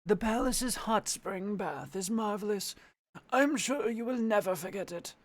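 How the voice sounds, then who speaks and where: A man's voice: sits high, expressive, measured pace, voice pushed up. A man voicing a courteous, elderly male chamberlain in an old man voice, reading from a fantasy storybook. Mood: courteous, reassuring.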